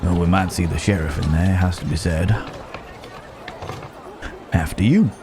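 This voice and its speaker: In an ASMR roleplay, a man with a low, steady voice takes on the part of a genteel, roguish stranger from the Wild West, speaking right to the listener amid background noise. His mood is amiable and easygoing, his delivery slow, wry, and reflective, with long pauses.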